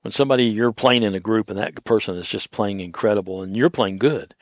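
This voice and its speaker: A man giving relaxed, conversational golf commentary in a chatty, rambling, anecdotal way. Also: on the low side, fast, no room sound, lo-fi sound.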